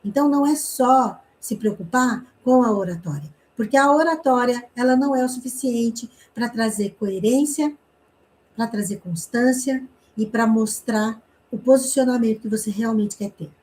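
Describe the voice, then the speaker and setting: A Brazilian woman from Paraná teaching an online communication class, telling a personal story in a chatty way, with frequent tag questions and quick snatches of reenacted dialogue. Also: fairly high pitch, darkish tone, low-quality recording. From Brazil, interior of Paraná.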